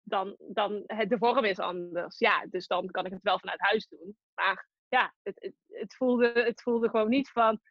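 A woman's voice: mid-range voice, fairly even intonation, unhurried, no room sound. A woman entrepreneur being interviewed, talking reflectively and often restarting her sentences as she searches for words. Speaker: guest, entrepreneur. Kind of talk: casual interview. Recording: dry, slightly dull recording.

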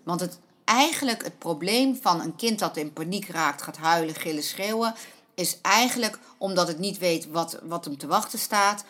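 A woman's voice: fairly low pitch, animated, moderate pace, a bit bright. A middle-aged woman coaching parents on pony riding, earnest and repetitive, stressing her points again and again. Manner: earnest, repeats points, acts out a panicking child's voice. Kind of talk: spoken advice to parents.

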